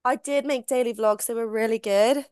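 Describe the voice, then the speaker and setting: A woman's voice: fairly high pitch, fairly even intonation, moderate pace, darkish tone, clear, resonant tone, no room sound, studio quality. A young woman hosting a podcast, chatting casually and teasing, laughing often. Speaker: podcast host. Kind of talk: casual chat.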